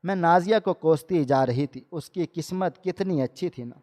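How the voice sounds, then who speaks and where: Man, story narrator, fairly high pitch, mellow tone, steady dramatic reading, long hall reverb.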